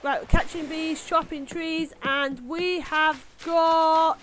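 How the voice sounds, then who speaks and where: Chatty high-voiced Yorkshire woman. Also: steady tone, slow, fairly bright tone. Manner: chatty, rambling, lots of "like" fillers. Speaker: gaming YouTuber. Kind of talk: casual gameplay commentary. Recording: music playing behind the voice.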